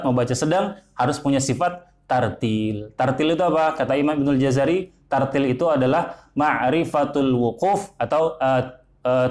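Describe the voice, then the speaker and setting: A man teaching Quran recitation in a religious lesson, measured, often repeating words and adding short affirmations. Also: mid-range voice, a little mellow.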